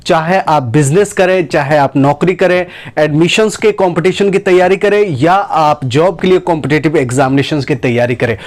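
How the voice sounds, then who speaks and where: A man teaching English grammar, who repeats and slowly stretches out each example sentence. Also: fairly high pitch. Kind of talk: spoken lesson to camera.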